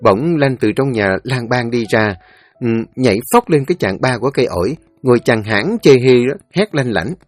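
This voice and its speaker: A man narrating a folk story in a lively, colloquial, animated way. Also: medium pitch, moderate pace.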